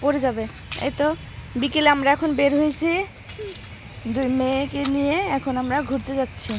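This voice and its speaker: A young mother films her little daughters for a family vlog, chatting casually with them and coaxing them along with simple questions and short, repeated phrases. Her voice is high-pitched, fairly even in intonation, and at normal speed, with a little hiss or hum in the audio.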